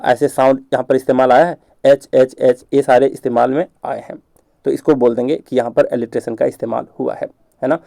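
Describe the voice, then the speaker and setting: Male teacher, gravelly, mellow, dry close sound, patient exam-prep lecture. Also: mid-range voice, no echo. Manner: explains patiently, checks understanding with rhetorical questions; reads English examples slowly and deliberately.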